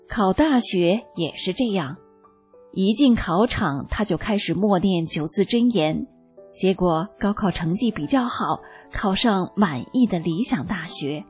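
A woman reading a first-person testimony aloud as scripted narration, in a slow, calm and even manner. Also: mid-range voice, breathy edge. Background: faint background music.

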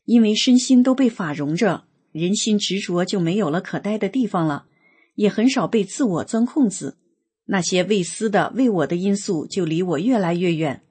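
A woman reading a spiritual testimony aloud in a measured, earnest way, slowing down on lists. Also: mid-range voice, darkish tone, breathy edge. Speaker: reader of a personal testimony.

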